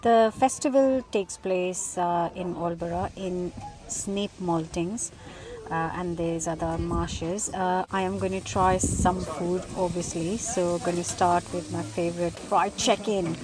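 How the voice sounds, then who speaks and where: A middle-aged woman food vlogger narrating casually and unscripted, with frequent ums and pauses. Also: lowish voice, fairly even intonation, rough recording. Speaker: food vlogger and cookbook author. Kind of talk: casual vlog voice-over narration. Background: music behind the voice.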